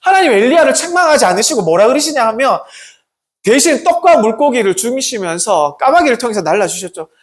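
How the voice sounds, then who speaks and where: A church pastor delivering a sermon in an animated voice that swings up and down in pitch. The preacher speaks emphatically, retells scripture stories in a chatty way and keeps turning to the congregation with rhetorical questions. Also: fairly quick. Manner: self-deprecating asides.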